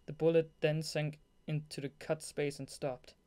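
Reading a novel from a script at normal speed, this young narrator has a mid-pitched voice and slips into giggly, excited blooper asides between passages.

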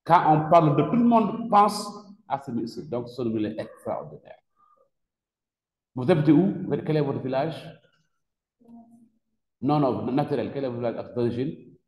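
Man, Senegalese French accent, teacher quizzing students, emphatic repeats, lively pitch, roomy echoing hall. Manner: questions the class, repeats words, slow and emphatic. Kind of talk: classroom lecture with questions to students. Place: classroom. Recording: echoey classroom with long reverb.

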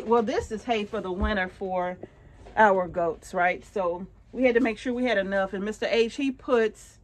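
A middle-aged homesteader vlogger chats casually to viewers while showing off her open wooden barn outdoors, frequently checking in with them directly. Her voice is mid-range, recorded on a phone held at arm's length, with slight background noise.

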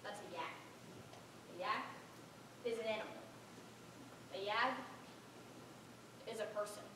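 A woman's voice: medium pitch, measured pace, noisy background, close to an everyday voice. A young woman playing a stern male teacher who gives firm, clipped instructions in a community stage play. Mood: curt. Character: stern male teacher coaching a student speaker. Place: theater stage. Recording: echoey hall from far off.

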